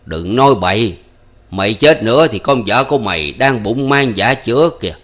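A man voicing an older village notable who talks in a slow, coaxing, soothing way. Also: medium pitch, animated, a bit bright, lightly acted.

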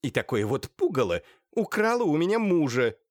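A man voicing a shrill, hysterical middle-aged woman who hurls venomous insults. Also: very animated, moderate pace, no echo, clean studio sound. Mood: furious, spiteful. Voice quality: shrill, screeching. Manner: venomous insults, theatrical outbursts.

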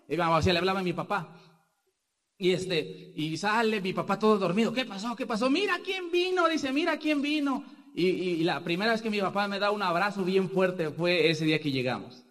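A man's voice: fairly high pitch, in a large hall. A man with a Mexican accent giving a rambling motivational testimony as a business speaker, tagging nearly every point with a question. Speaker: business speaker sharing success story.

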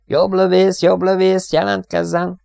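A man reading an audiobook voices a male bomber pilot giving brisk commands over the intercom. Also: sits high, completely flat delivery, vocal fry, darkish tone, dry recording, clean studio sound, pitched above the performer's own voice. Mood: urgent.

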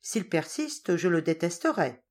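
A woman's voice: lowish voice, big pitch swings, measured pace. A woman reading an earnest young girl. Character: girl of eighteen, sweet and earnest.

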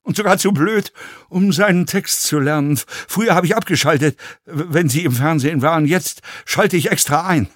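A man reading an audiobook, voicing a pushy, mocking male fellow passenger who needles without pause. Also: on the high side, fairly bright tone, dry recording, clean studio sound, pitched above the performer's own voice. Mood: needling. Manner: needling, sneering, chatty.

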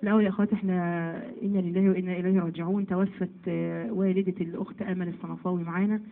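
A woman with an Egyptian Arabic accent teaching a Quran commentary lesson to women, lively and asking then answering her own questions. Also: on the low side, rapid-fire, creaky, narrow, tinny audio. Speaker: religious teacher.

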